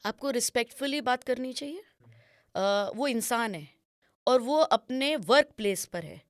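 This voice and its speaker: A woman with a fairly high voice explains etiquette as an interview guest, instructive and patient. She slips English phrases into her speech. The sound is dry and close. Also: expressive, a little slow, no room sound. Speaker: image consultant guest.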